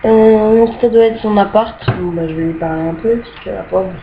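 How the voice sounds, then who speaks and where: Touring her rooms in an online game, a young woman talks at a moderate pace in a medium-pitched voice. The screen-recorded tour is casual, with many hesitations and easy annoyance at glitches, and the dull lo-fi home mic adds faint hiss.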